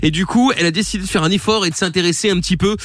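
A man hosting a radio show, joking and swearing casually in quick banter. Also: sits high, fairly bright tone, dry recording.

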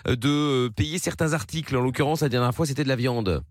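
A man's voice: mid-range voice, quick pace, dry recording, clean studio sound. A man posing as a store manager on a prank phone call, hesitant and full of fillers and restarts.

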